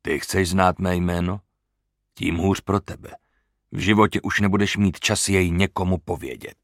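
A man's voice: low-pitched, fairly even intonation, no echo, studio quality. A man voicing a cold, commanding pirate captain in an audiobook, speaking in a grim, menacing tone.

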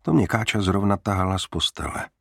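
Deep, gravelly male audiobook narrator. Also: fairly bright tone, dry recording, studio quality. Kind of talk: first-person crime novel narration.

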